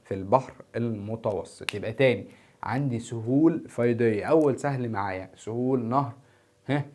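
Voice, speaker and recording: Fast-talking tired Egyptian teacher. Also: male voice, mid-range voice, darkish tone. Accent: Egyptian Arabic. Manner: repeats key terms, asks and answers his own questions. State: tired, filming at four in the morning. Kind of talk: exam-prep geography lesson. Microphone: standing before a camera.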